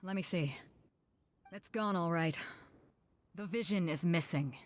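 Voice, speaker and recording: An actress playing a spirited, confident and showy tournament announcer in an anime-style video game. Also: female voice, on the low side, measured pace, lightly acted. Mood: serious.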